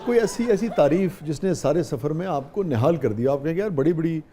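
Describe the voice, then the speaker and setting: Brief: talk show host, man, very dark timbre, lively pitch. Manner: attentive, prompting questions. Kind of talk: interviewing. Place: TV studio.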